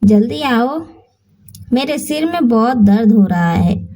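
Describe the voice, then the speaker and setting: A woman voicing a bitter older mother-in-law who taunts and complains in a shrill, self-pitying way. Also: expressive, slow, dark tone, distant mic. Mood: scolding.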